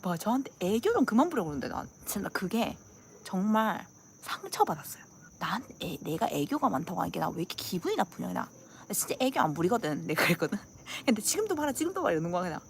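Lively woman with a Gyeongsang accent. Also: fairly low pitch, fast talker, vocal fry, slight background noise. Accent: Gyeongsang dialect. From Gyeongsang region, South Korea. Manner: animated, acts out dialect lines, laughs often. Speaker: channel host. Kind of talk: casual chat with viewers.

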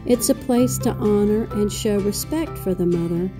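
A woman's voice: mid-range voice, music in the background. Reflective woman vlogger, middle-aged. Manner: reflective, unhurried. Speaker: travel vlogger. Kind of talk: travel vlog narration and chat.

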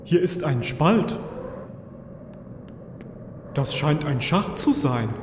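A man playing an excitable, upright adventurer in a fan film, with expressive delivery. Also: a little high, extremely slow, a little hiss or hum. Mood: curious, amazed. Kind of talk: amateur film dub acting. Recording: echoey hall, film music behind.

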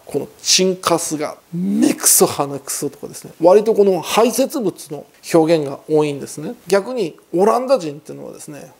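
A man's voice: fairly high pitch, vocal fry, dark tone. A man hosting a casual news commentary, chatty and opinionated, with a lilt and rhetorical questions.

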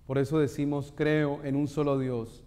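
A man leading Mass as a priest, solemn and measured as he recites prayers and leads the congregation's responses in a cathedral echo. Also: on the high side, little pitch movement, mellow. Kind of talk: liturgical preaching and prayer. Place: large church. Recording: long church reverb.

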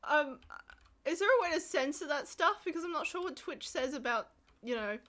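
A woman with a very bright, rather high voice talks through live gameplay. She is casual and blunt, with plenty of swearing. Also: animated, moderate pace. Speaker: video game streamer.

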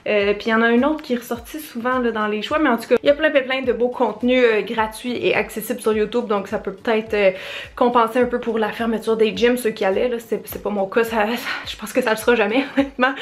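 A young woman with a Québécois French accent, chatting casually to the camera in her home studio, rambling and self-deprecating, often laughing at herself. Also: fairly high pitch. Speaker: vlogger. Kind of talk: casual vlog chat to camera.

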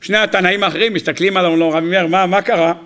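A man's voice: high voice, fairly even intonation, a bit bright. A man, a rabbi, giving a sermon that retells a comic story, acting out the dialogue and laughing at his own jokes.

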